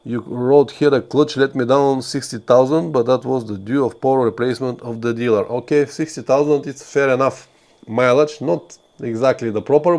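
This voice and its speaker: Here a man from Bulgaria, host of a motorcycle travel channel, offers sincere riding-trip tips on a live stream, stumbling through frequent fillers and restarts. He has a medium-pitched, slightly mellow voice.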